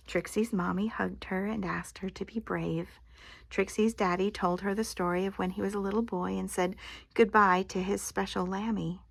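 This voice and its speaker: An older woman with a grandmotherly manner reads a children's picture book aloud, expressively and deliberately, adding dramatic emphasis and letting phrase endings fall to a hush. Her mid-range voice is gravelly, and the recording is dry.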